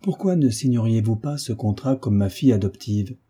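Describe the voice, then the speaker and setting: A man reading the part of a kind, fatherly hunchbacked nobleman in a gentle, coaxing way. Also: on the low side, normal speed, slightly rough. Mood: coaxing, tender.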